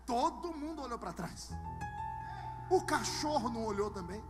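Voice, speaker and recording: High-voiced Brazilian man preaching a sermon. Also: lively intonation, normal speed. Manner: dramatic preaching, swings from hushed to shouting; humorous storytelling with acted dialogue. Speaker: pastor. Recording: live sermon with long hall reverb and music underneath.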